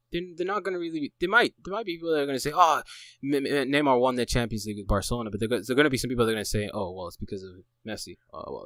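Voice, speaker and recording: A man co-hosting a football podcast, talking casually and excitably, stumbling over restarts and laughing often. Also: medium pitch, no room sound. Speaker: podcast co-host.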